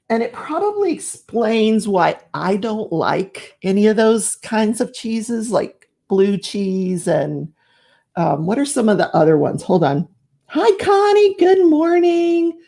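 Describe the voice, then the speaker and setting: A woman with a gravelly, slightly mellow, mid-range voice hosts a casual morning live stream. She chats, laughs, reads comments and greets viewers by name.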